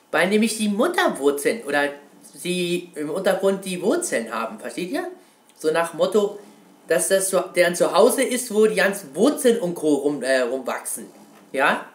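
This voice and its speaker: A man hosting a casual gaming video, talking in a loose, rambling way and dropping casual swears. His voice sits fairly high and swings up and down a lot. The room around him gives back a clear echo. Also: a bit bright. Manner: rambling, keeps calling viewers "Kunstfreunde", swears casually. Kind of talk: casual video reply on a video game.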